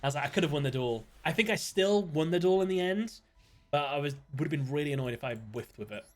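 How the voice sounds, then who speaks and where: A British man chatting casually while streaming a card game, thinking aloud, greeting viewers and breaking into sudden excited outbursts. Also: on the high side, fast. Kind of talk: casual live-stream gameplay commentary.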